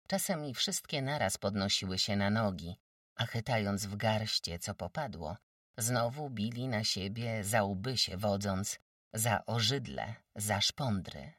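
A narrator reading a classic village novel aloud with expressive storytelling. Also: medium pitch, dry recording, clean studio sound, distant mic. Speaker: audiobook narrator. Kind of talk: literary audiobook narration.

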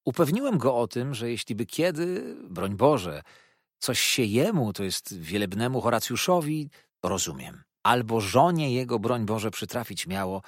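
Man doing cheerful young lawyer, effusive, rambling, husky voice, dry close sound. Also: medium pitch, no room sound, close to an everyday voice. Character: cheerful young male lawyer, gushing newlywed.

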